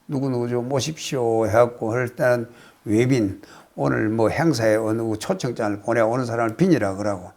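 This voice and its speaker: An older man from Korea, a Buddhist monk, giving a casual spoken lecture on a classical text, reciting phrases and then explaining them with many pauses. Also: mid-range voice. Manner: explains slowly, reciting phrases then paraphrasing, with frequent hesitations.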